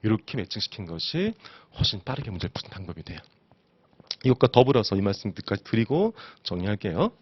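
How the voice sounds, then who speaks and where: Animated male exam-prep lecturer. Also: on the low side, fast, husky, dry recording, dull audio. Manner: animated, asks students rhetorical questions. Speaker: instructor.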